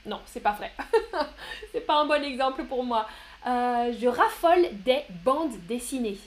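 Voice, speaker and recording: A woman's voice: high voice, unhurried. A young woman teaching a live online vocabulary lesson, reading out students' chat answers and explaining them. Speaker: French teacher.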